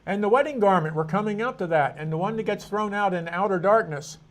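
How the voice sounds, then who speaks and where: Casting note: man with a high-pitched voice, Bible class teacher, rambling and conversational, muses aloud with plenty of restarts. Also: fast. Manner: rambling, thinking aloud with frequent restarts and asides. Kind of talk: informal Bible study lecture.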